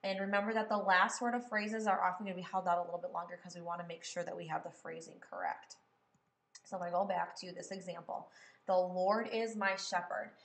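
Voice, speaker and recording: A woman's voice: fairly low pitch, fairly even intonation, fast, gravelly, reverberant. A woman music teacher explaining step by step in a patient classroom manner. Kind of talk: classroom lesson on writing melodies.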